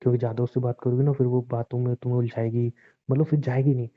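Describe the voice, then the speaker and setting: A man acting as a husband in a scripted call drama. He keeps pleading for calm and brushing off blame, in a mid-pitched voice. It sounds narrow and tinny, like a phone line. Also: fast. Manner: soothing, evasive, pleading for calm.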